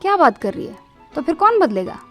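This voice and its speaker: A woman's voice: very high voice, big pitch swings, brisk, fairly bright tone, faint music behind, exaggerated voice. A woman voicing a weary young married woman who confides her exasperation to a friend in a spoken story. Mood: surprised.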